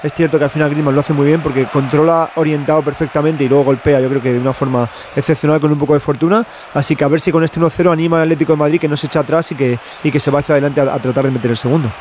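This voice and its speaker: A man's voice: fairly high pitch, fairly even intonation, racing, darkish tone. A man with a Castilian Spanish accent giving live football analysis as a radio co-commentator. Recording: faint outdoor stadium noise.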